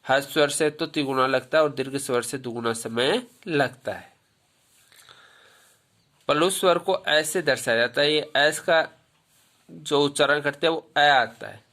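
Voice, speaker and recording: This male Hindi grammar teacher has a bright voice that sits on the high side. During his lesson he asks pupils something and then supplies the answer, repeats the important points, and reminds everyone to keep them in mind.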